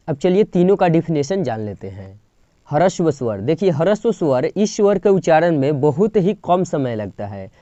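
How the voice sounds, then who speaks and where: A man's voice: a little high, warm tone, dry recording. A man teaching a Hindi grammar lesson, explaining point by point and drawing out single sounds as examples. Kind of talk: classroom-style grammar lesson. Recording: dull, lo-fi dry recording.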